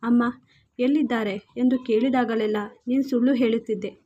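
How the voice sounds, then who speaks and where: Hurt worried young husband, read by a woman, pleading questions, kinda high voice, muffled recording. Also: steady tone, a little fast, lightly acted.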